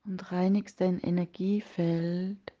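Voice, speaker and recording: A woman leading a guided meditation in a soft, breathy, partly whispered voice, soothing and hushed, with long pauses between phrases. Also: on the low side, flat delivery, lo-fi sound.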